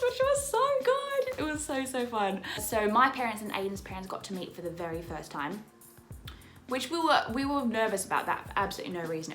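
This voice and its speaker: A young Australian woman, a musical theatre performer, vlogs to camera from her apartment in a bubbly, chatty way, her accent turning a little English. She often laughs and repeats words for emphasis. Her voice is medium-pitched and a bit bright.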